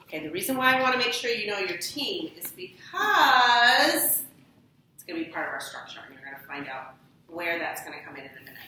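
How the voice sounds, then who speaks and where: In a mid-range voice that swings widely in pitch, the woman teacher speaks briskly, sounding pushed and bright. She gives elementary pupils patient instructions and prompts them with questions, recorded from a distance in an echoey classroom.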